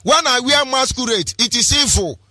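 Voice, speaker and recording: A man's voice: very high-pitched, animated, normal speed, sharp tone, no room sound. A man with a Nigerian accent, hosting a radio show and preaching in an impassioned, sing-song, rhetorical way. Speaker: radio host.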